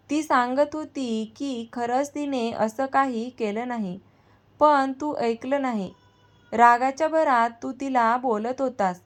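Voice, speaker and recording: A woman voicing a gentle, wise middle-aged aunt who soothes and gently scolds her nephew. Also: high-pitched.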